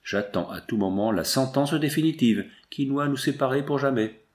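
A man's voice: mid-range voice, normal speed, close to an everyday voice. A man reading the lines of a proud, grieving medieval prince in an audiobook, in a declamatory, pleading manner. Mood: mournful.

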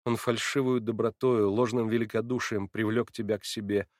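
Brief: male reader as a weary, reproachful young woman, soft, dry recording. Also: lowish voice, flat delivery, normal speed, no room sound, close to an everyday voice. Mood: sorrowful.

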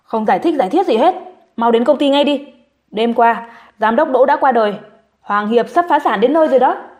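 A woman voicing a panicked young male coworker who shouts down the phone in an audiobook. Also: extremely high pitch, animated, brisk. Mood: frantic. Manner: shouting, frantic.

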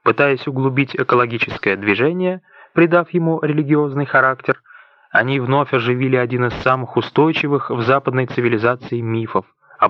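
Male audiobook narrator, mid-pitched, deliberate scripted read; dull, dry recording. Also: no echo. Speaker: audiobook reader.

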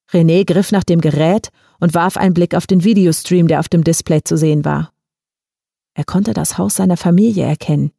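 Measured woman narrating a story, mellow tone. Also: on the low side, gravelly, no echo, studio quality. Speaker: audiobook reader.

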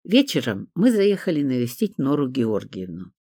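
Audiobook reader, first person, lots of pitch movement, really dry close sound. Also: moderate pace, slightly rough, no room sound. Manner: expressive, voices characters.

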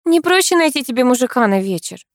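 Woman doing a brisk, scheming young colleague. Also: sits high, very animated, dry recording, clean studio sound, pitched above the performer's own voice. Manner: brisk, persuasive.

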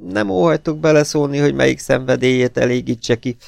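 A man's voice: medium pitch, creaky, darkish tone, no echo, studio quality, pitched above the performer's own voice. A man voicing a composed, prim young woman who answers with cutting politeness in an audiobook reading. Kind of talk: audiobook character voice.

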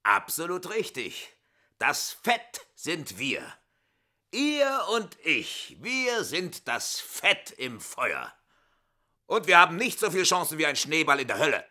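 Blustering foul-mouthed editor, bright tone, lively pitch, radio drama. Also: male voice, slow, heavily acted. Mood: scornful. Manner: blustering, crude. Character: coarse gruff male newspaper editor, blustering. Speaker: chief editor.

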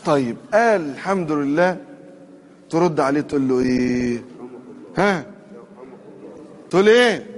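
A man with an Egyptian Arabic accent, preaching a colloquial sermon and putting questions to his listeners. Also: a little high. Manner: lively, quizzes the audience with questions.

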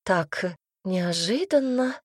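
A woman's voice: medium pitch, animated, normal speed, darkish tone, slightly rough, dry recording, clean studio sound. Woman voicing an anxious, sighing singer. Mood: pleading. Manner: worried, sighing. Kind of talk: audiobook character reading.

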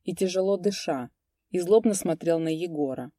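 A woman narrating a classic story as an audiobook, lifting her voice for the shouted lines. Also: normal speed, no room sound, clean studio sound. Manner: raises pitch and volume for shouted dialogue.

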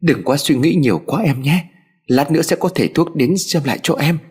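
A man's voice: a little high, animated, a little fast, darkish tone, breathy edge, voice pushed up. A man voicing an older mistress of the house who hides her scheming behind soothing, tearful apologies, in a storybook audio tale. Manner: soothing, honeyed, fake-sorry.

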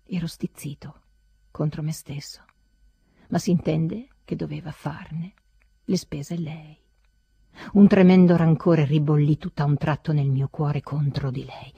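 A woman's voice: low voice, steady tone, unhurried, gravelly, warm tone, husky, no echo. A woman giving a dramatic literary audiobook reading, intense and often dropping into a whisper. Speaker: audiobook reader.

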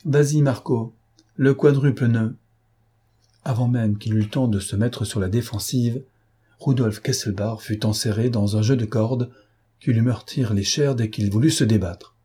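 A man reading a novel aloud in scripted narration, steady and measured. His voice is warm and dark, with a faint husky grain. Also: lowish voice. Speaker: audiobook narrator.

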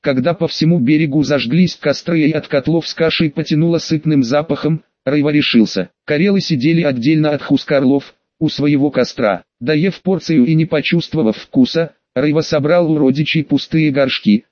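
A man narrating an audiobook in a steady, even storytelling manner. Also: on the high side, normal speed, hardly any pauses, no echo. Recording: dull muffled dry audiobook recording.

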